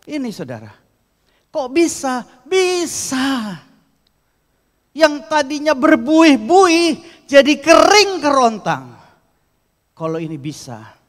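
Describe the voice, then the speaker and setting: Impassioned high-voiced preacher in a reverberant church. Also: male voice. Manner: swings from quiet teaching to loud impassioned prayer. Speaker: pastor. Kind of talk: sermon. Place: church hall.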